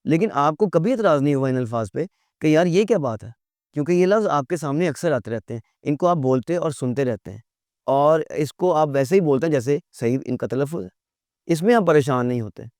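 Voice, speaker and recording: A man teaching a lecture, asking rhetorical questions and answering them himself, spelling words out slowly letter by letter. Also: on the high side, animated, a little mellow, no room sound, clean studio sound.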